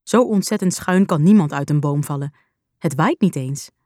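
Woman, storybook narration, gentle, lowish voice, dry close sound. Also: normal speed, no room sound. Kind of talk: storybook reading.

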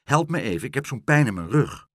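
A man voicing a stern, fussy, house-proud woman in a storybook reading, hurried and self-important. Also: medium pitch, sing-song, dry recording, studio quality. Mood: brisk.

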